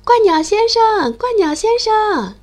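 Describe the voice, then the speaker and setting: A woman voicing an eager, excited little male mole who pleads and calls out for help. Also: high voice, a little slow. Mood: calling out. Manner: pleading, chirpy, cries out loudly.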